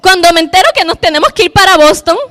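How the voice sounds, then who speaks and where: Woman, very high voice, heartfelt testimony, repeats words for emphasis. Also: quick pace, fairly bright tone. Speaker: speaker giving a faith testimony. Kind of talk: personal testimony to an audience.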